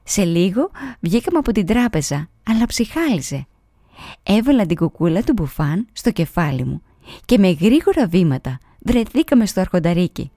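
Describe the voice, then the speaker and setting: A woman reading a children's story aloud, with an expressive storytelling delivery. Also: fairly low pitch, no echo, clean studio sound. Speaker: audiobook reader. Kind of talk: storybook narration.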